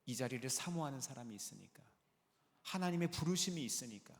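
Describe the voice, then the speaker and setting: A male pastor preaching a sermon, with lively delivery and rhetorical questions put to the congregation. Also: medium pitch, fairly quick. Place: large church sanctuary. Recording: long reverb of a large sanctuary.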